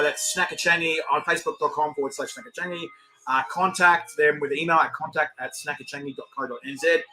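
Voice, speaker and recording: A man's voice: fairly high pitch, pushed and bright, poor audio. A man with a New Zealand accent hosting a casual live review, rambling and repeating himself. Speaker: food review host.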